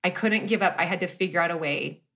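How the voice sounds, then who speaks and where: A woman in her thirties talks openly as a guest in a relaxed interview. Her voice is bright and clear, and her speech wanders with restarts and fillers as she tells her story. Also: on the low side, fast. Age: 30s. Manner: candid, rambling with frequent restarts and "like". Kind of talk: casual conversational interview.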